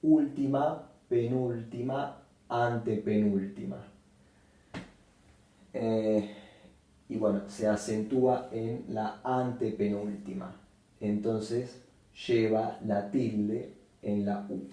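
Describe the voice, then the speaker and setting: A man teaching a Spanish grammar lesson at a board, speaking slowly and deliberately and repeating each example word. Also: fairly low pitch, flat delivery, dark tone, recorded from a distance. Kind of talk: slow whiteboard grammar lesson. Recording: very echoey room, voice from off the mic.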